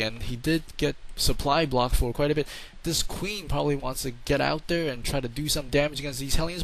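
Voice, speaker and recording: A man with a fairly high voice gives casual, rambling play-by-play commentary on a strategy game, recorded roughly on a home microphone. He often repeats words for emphasis.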